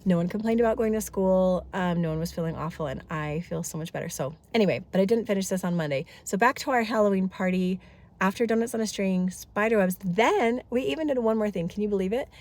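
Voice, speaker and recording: A thirtysomething woman vlogs about family life at a quick pace, her medium-pitched voice a little mellow. A head cold has her congested, yet she keeps chatting, rambling and tossing in asides.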